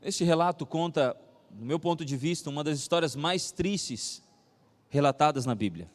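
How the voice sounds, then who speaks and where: Brazilian male pastor, high voice, animated storyteller, echoey church sound. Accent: Brazilian Portuguese. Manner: animated storytelling, acts out dialogue, slows for scripture. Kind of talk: sermon with personal story and Bible reading. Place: church hall. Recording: reverberant church hall.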